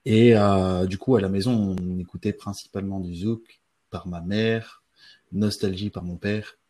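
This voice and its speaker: A man from French Guiana, a guest beatboxer, answering interview questions in a relaxed, rambling way with many hesitant fillers. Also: low-pitched, unhurried.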